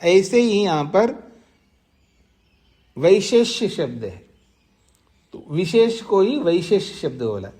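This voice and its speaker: A man teaching a class on scripture, reciting Sanskrit phrases slowly and explaining them, often asking his listeners questions. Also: sits high, big pitch swings, a little mellow. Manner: slow deliberate explaining, recites and repeats Sanskrit terms. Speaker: teacher of Vedanta sutras. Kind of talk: scriptural lecture. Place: ashram class.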